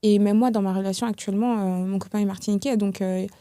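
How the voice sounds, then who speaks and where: Young woman guest, reflective and hesitant, mellow timbre, dry close sound. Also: mid-range voice, steady tone, quick pace, clear, resonant tone, no room sound. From France. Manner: reflective, hesitant, many fillers and restarts. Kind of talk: casual podcast conversation.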